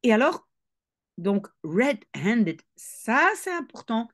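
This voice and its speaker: A woman, a language teacher reading a novel aloud and patiently explaining each phrase to her students, clearing her throat now and then. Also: a little high, sing-song, takes it slowly. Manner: patient explaining, switching between English reading and French explanation.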